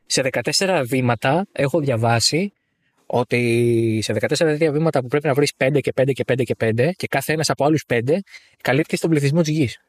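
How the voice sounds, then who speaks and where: A man's voice: mid-range voice, dry recording. A man co-hosting a casual podcast chat about motor racing, teasing and sarcastic. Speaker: podcast co-host.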